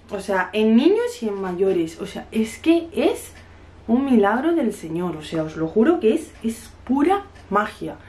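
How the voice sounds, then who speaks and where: This is a casual home vlog shot in the kitchen, where a woman from Spain in her thirties, a mother, tells a story and performs the dialogue in a chatty way. Her voice is a little high with a dark tone, her accent is Spanish from Spain, and she has a cough from a cold.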